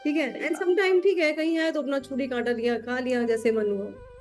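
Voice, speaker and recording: A woman's voice: high-pitched, fairly even intonation, normal speed, darkish tone, faint music behind. A woman tarot teacher chatting casually with her student, slipping English phrases into her Hindi.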